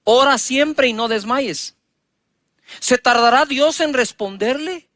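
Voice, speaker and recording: A man's voice: very high voice, slow, dry recording. Man preaching a dramatic sermon. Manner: dramatic preaching, reading scripture aloud and retelling it; wide swings in loudness and emphasis. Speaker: pastor.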